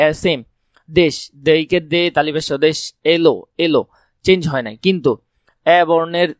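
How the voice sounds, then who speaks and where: A male teacher with a voice worn hoarse, pitched slightly high. He runs an exam-prep grammar lesson, firing quick questions and answering them himself. The recording is close and dry. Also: no room sound. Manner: repeats key points as quick questions and answers.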